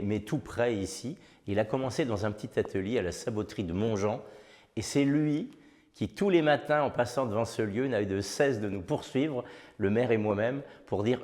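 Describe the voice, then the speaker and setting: A man speaking as a town official in charge of culture, explaining an exhibition at a measured pace with frequent hesitations and restarts. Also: lowish voice, darkish tone. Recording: long reverb with faint music behind.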